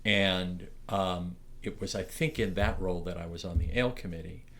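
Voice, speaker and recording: A middle-aged man from Ontario, Canada, with a deep, loud, projecting voice, reminisces about his years as a morris dance barker. At a moderate pace, his oral history interview rambles with many restarts and fillers.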